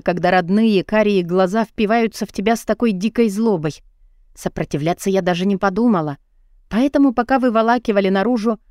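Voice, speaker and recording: A woman's voice: mid-range voice, darkish tone, dry recording. Female audiobook reader, emotional first-person delivery, dry close mic. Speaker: audiobook narrator.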